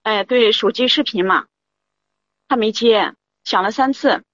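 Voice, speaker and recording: A woman's voice: fairly high pitch, unhurried, fairly bright tone, no room sound, muffled recording. A woman calling in to tell her story in a rambling, confiding way, repeating "I said" again and again. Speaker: caller. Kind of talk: confiding call-in account.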